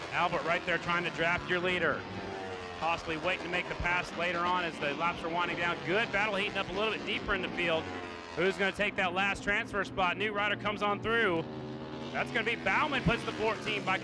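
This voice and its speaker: Excited high-pitched male race announcer, noisy track. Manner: excited, punchy short calls. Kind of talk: live motorcycle race commentary. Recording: loud engine and outdoor noise. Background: motorcycle race track ambience.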